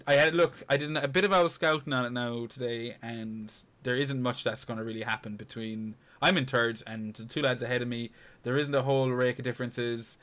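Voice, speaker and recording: A man's voice: mid-range voice, fairly even intonation, fairly quick, hardly any pauses, a bit bright. A man with an Irish accent hosting a podcast in casual, freely sweary banter. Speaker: podcast host.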